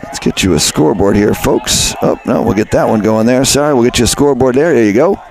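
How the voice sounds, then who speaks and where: A man doing live play-by-play commentary for a high school lacrosse game, chatty and conversational, often correcting himself. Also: quick pace, gravelly, darkish tone. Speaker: play-by-play announcer. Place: outdoor high school field.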